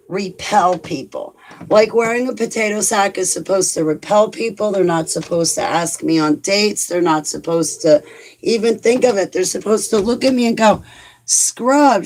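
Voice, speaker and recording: A woman's voice: mid-range voice, darkish tone. 40-something woman vlogging, lots of "like", pokes fun at herself. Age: 40s. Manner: chatty and self-mocking, rambling with many "like"s. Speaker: vlogger talking to viewers. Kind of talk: casual chat reading live comments.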